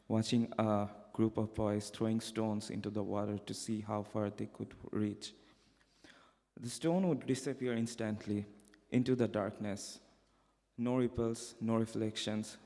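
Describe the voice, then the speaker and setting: A man's voice: fairly low pitch, dark tone. Earnest young man speaking in a hall. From Bangladesh. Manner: measured, earnest delivery with occasional restarts. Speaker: conference speaker. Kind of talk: prepared personal testimony speech. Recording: echoey hall reverb.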